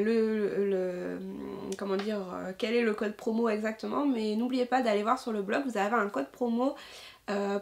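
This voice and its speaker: A sewing vlogger with a fairly high female voice chats casually and enthusiastically. She sounds hesitant, frequently pausing on filler sounds and restarting sentences.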